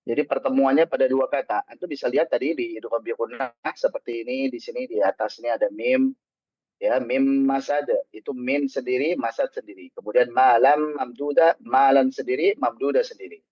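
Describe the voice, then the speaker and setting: A man gives a patient online tajwid lesson to children, repeating each rule and quizzing his pupils. He slows right down to model each Quranic word. His voice sits at an ordinary pitch and comes through a dull, dry online call line. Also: a little mellow, no room sound. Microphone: online call microphone.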